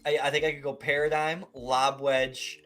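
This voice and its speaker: Golf show host man, slightly high voice. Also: level tone, moderate pace, fairly bright tone, faint music behind. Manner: explains rules step by step, tosses in rhetorical questions. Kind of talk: casual live show chat.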